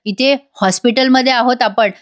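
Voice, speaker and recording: A woman reading the part of a stubborn young wife who pleads and argues with her sister in a hospital corridor, her voice sitting a little high. The delivery is earnest and heated, a plain storyteller's take on the part. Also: fairly even intonation, normal speed, close to an everyday voice. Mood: defiant. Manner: pleading, heated when pushed.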